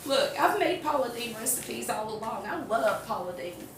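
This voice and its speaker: In her home kitchen, an older woman with a Southern American accent rambles in a folksy, casual way while demonstrating cooking. Her voice is a little high, with lively intonation and a moderate pace. The recording is roomy, with a distant mic and background noise.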